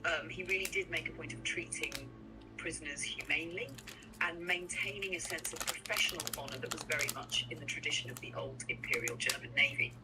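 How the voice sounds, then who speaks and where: An AI voice assistant calmly explaining history in chat answers, reading out web links. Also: mid-range voice, recorded from a distance, loud music behind the voice, poor audio. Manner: measured, reads out links.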